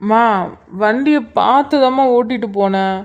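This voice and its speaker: In cartoon voice acting, a woman plays a playful young husband who reassures his worried family from a hospital bed, teasing and soothing them. Her natural voice is on the high side at normal speed, and the sound is lo-fi.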